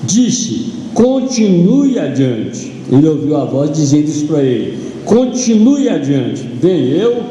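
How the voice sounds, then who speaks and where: Male pastor, Brazilian accent, sermon, dark mellow tone, fairly high voice, long echo of a big church hall. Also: sing-song, slight background noise. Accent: Brazilian Portuguese. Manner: slow dramatic retelling of a story in first person.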